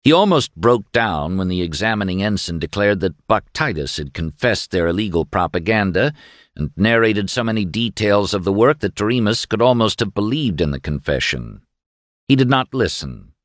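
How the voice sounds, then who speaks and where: A man reading a novel aloud as narrator, in a grave, measured way. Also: on the low side, expressive, no echo, clean studio sound. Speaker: audiobook narrator. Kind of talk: scripted narration.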